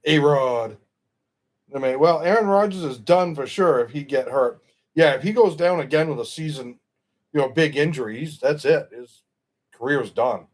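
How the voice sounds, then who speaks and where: A man's voice: fairly high pitch, normal speed. A middle-aged man hosting a stream, chatting casually about football in a rambling, opinionated way and often correcting himself. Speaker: stream host.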